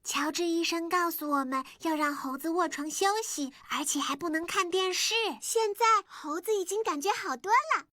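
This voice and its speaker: Casting: cheerful, playful little girl pig for a kids' cartoon, bright, very high, eager delivery. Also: normal speed, few pauses, dry recording. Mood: excited. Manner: eager, chirpy, childlike. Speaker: cartoon character. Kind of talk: children's cartoon dubbing.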